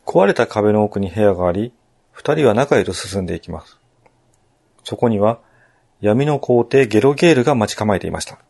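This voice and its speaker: Male narrator, polite game walkthrough with asides, mellow and dark in tone. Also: lowish voice, animated, normal speed, creaky.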